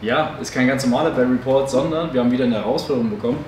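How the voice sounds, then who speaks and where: A man in his thirties co-hosting a tabletop game channel chats casually to introduce a battle report inside a hobby game shop. He speaks very fast with a medium-pitched, darkish voice, rambling with many fillers and self-corrections, picked up by a distant mic in an echoey room with faint hiss.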